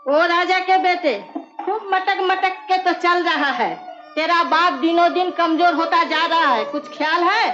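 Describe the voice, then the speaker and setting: A nagging granny, very high voice, dull old film sound, music behind. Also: female voice, measured pace. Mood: exasperated. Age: older. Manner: scolding, nagging. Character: scolding old grandmotherly woman, sharp-tongued. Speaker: elderly neighbour. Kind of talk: 1950s film acting.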